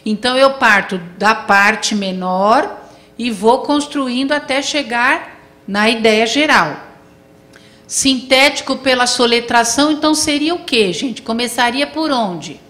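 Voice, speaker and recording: A woman lecturing to a class with a bright, forward voice pitched a little high. She builds her explanation step by step, pausing to ask her listeners whether they follow. Her delivery is steady and instructive. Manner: explains step by step, checks in with the audience often.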